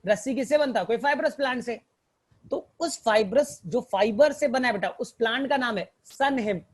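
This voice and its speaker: A man's voice: very high voice, moderate pace. A male teacher tells a story to help students remember plant examples, fondly calling them "child" and checking often that they follow. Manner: fond, addresses students as child; repetitive, checks understanding. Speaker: biology teacher. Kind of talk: mnemonic storytelling lesson.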